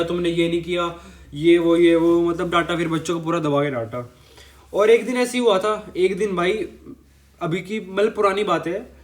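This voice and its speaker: Young man, high voice, rambling comic storytime, exasperated, self-deprecating. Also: a bit bright. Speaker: student storyteller.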